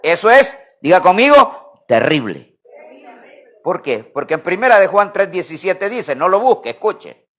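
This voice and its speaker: A Salvadoran man preaching a sermon, calling on the congregation to repeat after him and swinging between loud emphasis and quiet asides. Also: high-pitched, very animated, a little slow. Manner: call-and-response preaching, asks congregation to repeat. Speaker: pastor.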